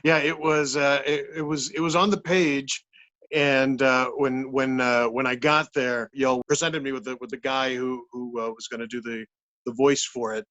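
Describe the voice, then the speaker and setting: A man talking casually as an interview guest, halting and repeating words as he searches for the next one. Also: mid-range voice, steady tone, a bit bright, lo-fi sound. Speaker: puppeteer and voice actor, interview guest.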